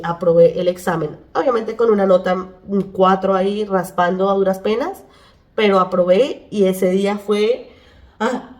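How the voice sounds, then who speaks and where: A woman in her twenties, a medical student vlogger, telling a casual storytime with chatty, animated delivery and acted-out quotes of her past self. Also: mid-range voice.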